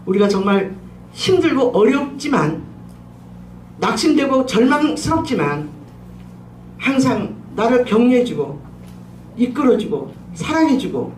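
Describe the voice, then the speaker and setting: A woman pastor preaching a sermon and telling a personal testimony, with animated, emphatic delivery. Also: a little high, a little slow, long pauses, slight background noise. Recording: roomy echo, distant mic, faint ambience.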